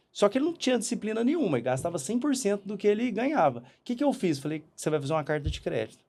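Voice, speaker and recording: A man from Brazil hosting a casual podcast chat, talking in animated quick bursts and often repeating words. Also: fairly high pitch. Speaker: podcast host.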